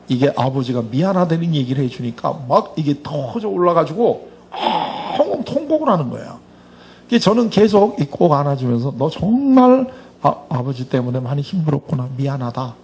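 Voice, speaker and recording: A man's voice: a little high, slight background noise. A middle-aged man telling a story in a church talk, acting out the dialogue as he goes. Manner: animated storyteller, acts out quoted dialogue. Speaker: speaker at a church Bible school.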